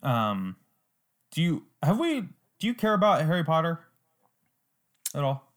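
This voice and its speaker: A man hosting a casual podcast chat, relaxed and rambling with fillers. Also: fairly high pitch, a little slow.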